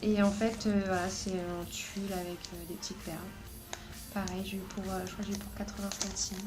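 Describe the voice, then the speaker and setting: A woman's voice: medium pitch, flat delivery, brisk, loud music behind the voice. A woman hosting a casual craft video, chatty and hesitant, with frequent fillers and giggles. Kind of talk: casual craft haul and tutorial chat.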